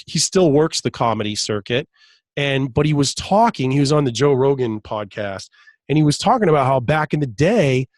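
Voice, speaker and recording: With a somewhat high voice, the podcast guest, a hypnotist, spins a long, easygoing story, often laughing and jumping up in pitch to act out others' words. The sound is close-miked, dry, with no room sound.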